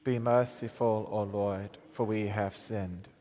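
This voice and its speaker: A male priest leading Mass with measured, solemn reading and sung acclamations, his voice ringing with a cathedral echo in a large church. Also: fairly low pitch, steady tone, dark tone. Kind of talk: liturgical reading and chanting at Mass. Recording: long church reverb.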